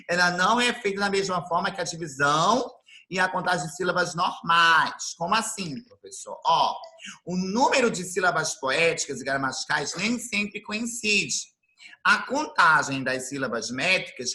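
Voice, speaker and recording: A man from Brazil teaching an online class, explaining things slowly and repeating his definitions. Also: on the high side, sharp tone. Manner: slow, didactic, repeats definitions. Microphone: computer mic on video call.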